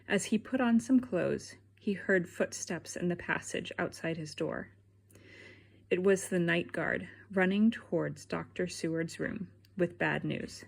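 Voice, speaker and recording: A woman reads a learners' storybook aloud at a very slow, careful pace. Her voice is husky, with a gravelly edge. She keeps her pitch low. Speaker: audiobook reader. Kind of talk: scripted narration for learners.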